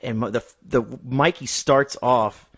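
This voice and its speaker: A man co-hosting a podcast in casual film discussion, haltingly restarting his thoughts as he goes. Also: medium pitch, fairly even intonation. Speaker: podcast host. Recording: dull, lo-fi sound.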